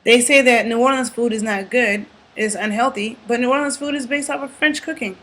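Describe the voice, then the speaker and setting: A woman giving an earnest, emphatic talk to camera about food, often checking in with "okay?" and pausing to think aloud. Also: on the high side, a bit bright, low-quality recording. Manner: thinks aloud with fillers and restarts. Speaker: YouTube commentator. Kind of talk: casual talking-to-camera commentary.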